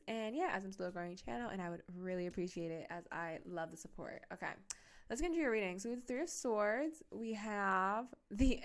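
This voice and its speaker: A woman's voice: medium pitch, a bit bright. A woman giving a casual tarot reading to camera from home, rambling and chatty, full of fillers and restarts. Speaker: tarot reader.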